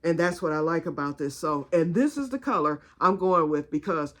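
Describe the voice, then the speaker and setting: A woman's voice: deep voice, normal speed, a bit bright. A woman vlogger chatting casually about her crochet project, drifting into family stories as she goes. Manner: rambling, digressive storytelling. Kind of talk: casual chat.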